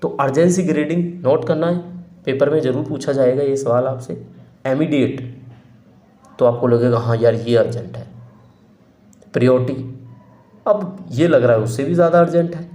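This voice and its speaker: A man's voice: medium pitch, moderate pace, pauses often, warm tone, reverberant. A man teaching an online exam-prep lesson, explaining step by step and asking the students questions he then answers himself. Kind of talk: online lecture.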